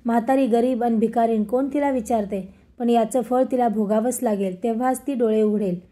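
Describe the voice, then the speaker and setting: A woman's voice: on the high side, fairly even intonation, normal speed, warm tone, lightly acted. A woman voicing an angry old beggar woman, a goddess in disguise, scolding bitterly in a storybook tale.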